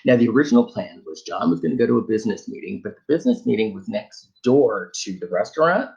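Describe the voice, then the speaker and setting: A man telling a funny personal travel story in an animated, conversational way. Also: on the low side, fast, gravelly, dull audio.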